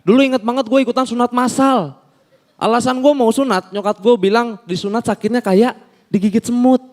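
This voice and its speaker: Animated high-voiced young comedian. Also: male voice, fairly quick. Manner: animated storytelling, acting out characters in shifting voices. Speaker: stand-up comedian. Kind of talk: stand-up comedy set.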